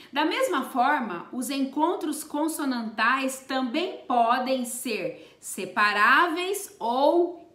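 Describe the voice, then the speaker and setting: Slow, bright-voiced woman teaching grammar. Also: sits high, roomy sound. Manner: spells out letters and stresses example words. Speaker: Portuguese teacher. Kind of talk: slow, deliberate grammar lesson.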